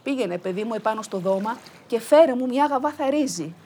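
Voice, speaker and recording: A woman voicing a gentle elephant-maiden. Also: fairly high pitch, animated, slightly rough. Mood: motherly. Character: young elephant woman in human skin, gentle.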